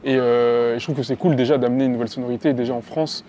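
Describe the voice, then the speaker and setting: Brief: male interviewer, mellow dark tone, chatty, rambling questions, faint noise behind. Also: medium pitch, steady tone, fast talker, dull audio. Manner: long rambling questions, echoes the guest's words.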